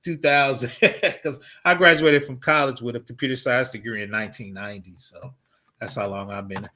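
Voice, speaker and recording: Laughing man in his fifties, bright voice. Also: medium pitch, moderate pace. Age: 50s. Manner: laughs often, talks with energy about tech history. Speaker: host. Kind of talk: casual chat.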